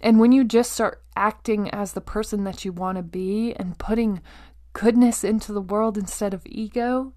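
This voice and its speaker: A woman podcast host speaks to the listener in a medium-pitched, darkish voice with fairly even intonation. Her motivational monologue uses emphatic phrasing, deliberate pauses, repetition, and rhetorical check-ins.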